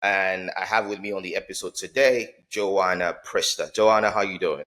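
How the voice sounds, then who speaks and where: Deep-voiced man hosting, full of fillers. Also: moderate pace, a bit bright. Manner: rambling, many fillers and restarts. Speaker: podcast host. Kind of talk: conversational interview.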